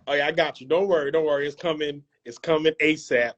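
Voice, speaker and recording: A man's voice: on the high side, fairly even intonation, fast talker, a bit bright, lo-fi sound. A man hosting an interview over a video call, casual and joking, full of fillers and repeated phrases. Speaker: host.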